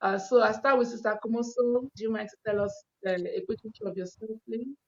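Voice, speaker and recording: A woman's voice: fairly high pitch, brisk, darkish tone. A woman hosting an online panel, introducing guests in an upbeat, encouraging way. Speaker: host. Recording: dull, lo-fi sound.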